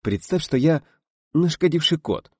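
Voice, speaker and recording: A man voicing a shy, gentle young male actor in an audiobook, speaking softly and mumbling. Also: on the low side, measured pace, breathy edge, no room sound, studio quality. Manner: soft, mumbling, teasing.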